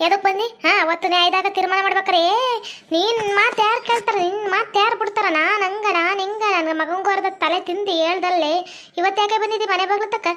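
A woman's voice: very high voice, fast, a bit bright. A woman playing a harsh, scornful middle-aged mother-in-law in a family skit, with a North Karnataka accent. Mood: scolding. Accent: North Karnataka Kannada. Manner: scornful, scolding, sing-song taunts. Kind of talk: family comedy skit acting.

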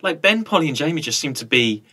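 A man co-hosting a podcast in casual chat, animated and quick to act out quoted lines. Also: a little high, husky. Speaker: podcast co-host.

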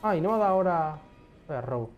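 A young man giving casual gameplay commentary, excitable, swearing often and talking to himself as he plays. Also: fairly high pitch, fast, muffled recording, soft background music. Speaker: gaming streamer.

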